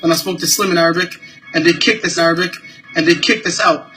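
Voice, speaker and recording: A man's voice: fairly high pitch, steady tone, fast, sharp tone, soft background music. A man filming himself on a phone at an airport, upset and tearful, talking in a heated, repetitive rant full of cursing. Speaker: passenger filming an incident. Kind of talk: agitated first-person vlog rant. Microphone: handheld phone camera.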